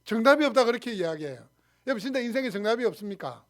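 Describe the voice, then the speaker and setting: Racing along in an extremely high-pitched voice, this Gyeongsang-accented male preacher asks his congregation questions and supplies the answers himself. He delivers the sermon with animation, even performing shouted arguments in dialect.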